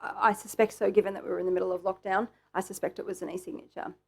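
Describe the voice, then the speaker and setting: An Australian woman gives careful, formal testimony as a witness, hesitating and repeating her words. Her medium-pitched voice is creaky and level in tone, yet she speaks at a racing pace.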